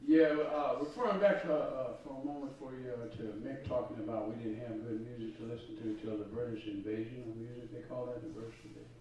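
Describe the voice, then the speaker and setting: A middle-aged man telling students relaxed, rambling stories in a spoken school presentation. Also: medium pitch, fast talker, few pauses. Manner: relaxed, rambling storytelling with fillers. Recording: dull echoey room from far off.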